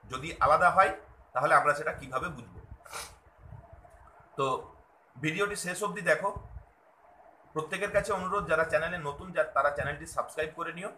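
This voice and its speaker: A man giving a patient grammar lesson, repeating key points slowly for emphasis. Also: on the high side, sharp tone, a little hiss or hum. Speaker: language teacher. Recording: echoey room.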